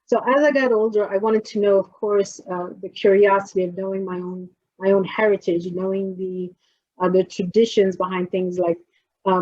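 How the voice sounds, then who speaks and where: Her mid-range voice has a darkish tone and no room sound as she, a New Jersey poet, casually runs a workshop on a video call. Screen sharing keeps making her trail off mid-thought. It's picked up by a computer mic, so the call audio is dull and lo-fi.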